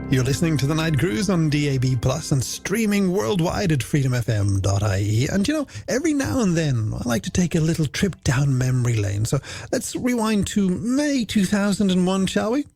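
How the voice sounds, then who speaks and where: Hosting a talkative late-night radio program, a middle-aged man with an Irish accent keeps things playful and self-mocking, treating his audience as friends. His slightly high voice is gravelly yet a little mellow, heard over music in the broadcast.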